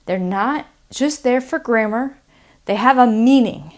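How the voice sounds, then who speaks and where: A woman's voice: on the high side, lively intonation, measured pace. A woman with a standard American accent teaching English pronunciation in a conversational, explanatory way, often checking in with the listener. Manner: explanatory, often checks understanding with "okay?" and "right?". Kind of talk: conversational video lesson.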